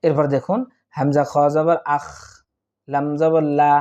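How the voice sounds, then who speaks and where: Slow, dark-voiced Quran reading teacher. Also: male voice, a little high, level tone, muffled recording. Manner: spells letters and vowel marks one by one, then chants the joined verse; patient, addresses students directly.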